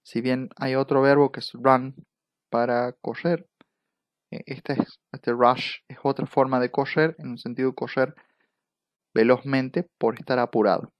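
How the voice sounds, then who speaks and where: A man with an Argentine Spanish accent teaching English grammar in a recorded lecture, going slowly and patiently through each verb form. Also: medium pitch, fairly even intonation, no echo, poor audio. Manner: slow, patient, repeats verb forms one by one. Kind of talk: recorded lecture over slides.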